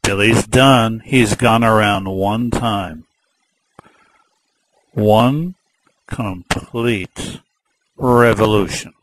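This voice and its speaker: Very slow, patient male math teacher. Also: on the low side, dry recording, poor audio. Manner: patient, repetitive, storytelling explanation. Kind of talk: slow explanatory lesson.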